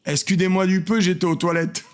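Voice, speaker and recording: Host reacting to cooking clips, slightly high gravelly voice, dry sarcasm, mutters asides under his breath. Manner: sarcastic, self-mocking, trails off into quiet muttered asides. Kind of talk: casual reaction commentary.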